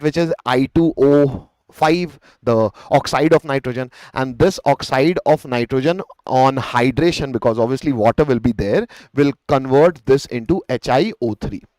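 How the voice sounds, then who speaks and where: An Indian-accented man lectures as a teacher in a live revision class. His pitch is average for a man and the sound is dry, with little room to it. He explains by posing questions and answering them himself, often repeating key phrases. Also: darkish tone, no room sound. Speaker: chemistry teacher.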